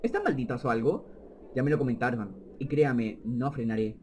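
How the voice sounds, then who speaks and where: A man reading the lines of a terse young woman babysitter in a video game, in a lowered voice. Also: very animated, brisk, a little mellow, a little hiss or hum, close to an everyday voice. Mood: curt.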